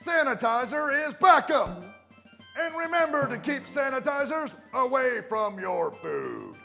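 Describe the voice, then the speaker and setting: An actor playing a strict male army drill sergeant who shouts commands at recruits. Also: extremely high pitch, sing-song, gravelly, exaggerated voice. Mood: commanding. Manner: shouted military commands, drawn-out emphatic delivery. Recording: long reverb with music underneath.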